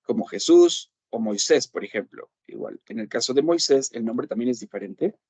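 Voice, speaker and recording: This man speaks at a medium pitch, animated and darkish with a breathy edge, and there's no room sound. In his online class, explained in Spanish, he patiently teaches English, often pausing on "¿ok?" to confirm understanding and slowing for English examples.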